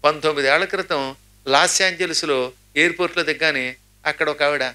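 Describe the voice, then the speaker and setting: Middle-aged guy preaching, high voice, super bright tone, chants verses and jokes around mimicking accents. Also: fairly even intonation, a little fast. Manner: explains by chanting Sanskrit verses then glossing them; humorous asides mimicking pronunciation. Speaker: religious speaker. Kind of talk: spiritual discourse.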